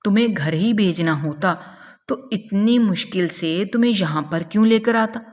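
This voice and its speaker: A woman's voice: medium pitch, darkish tone, long reverb tail, lo-fi sound, close to an everyday voice. A woman voicing a domineering young man who mocks and threatens a captive woman in a spoken story. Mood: menacing. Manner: mocking, menacing and possessive.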